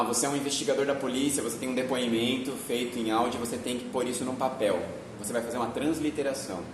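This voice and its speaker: A man with a Brazilian accent giving a video lesson as a Portuguese teacher, explaining patiently and often adding tag questions. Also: mid-range voice. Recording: very echoey room, voice from far off, faint noise.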